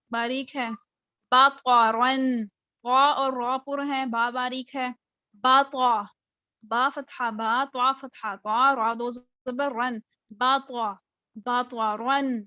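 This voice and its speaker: High-voiced woman drilling recitation letter by letter on a video call, dry muffled sound. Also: bright, forceful tone, no room sound. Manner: patient letter-by-letter drilling, slow spelled-out syllables. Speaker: Qur'an recitation teacher. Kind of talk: live online tajweed lesson. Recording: dull lo-fi video call audio.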